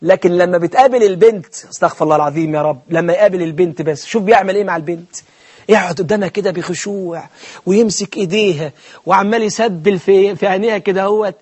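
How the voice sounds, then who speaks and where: A man preaching a colloquial sermon with an Egyptian accent, animated and acting out funny anecdotes. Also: high-pitched, very fast. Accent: Egyptian Arabic. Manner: animated storyteller, acts out anecdotes with humor.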